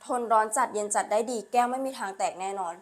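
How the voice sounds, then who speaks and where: A woman selling on a live stream, with a repetitive, urging sales pitch full of polite particles. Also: fast talker. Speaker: live-stream online seller.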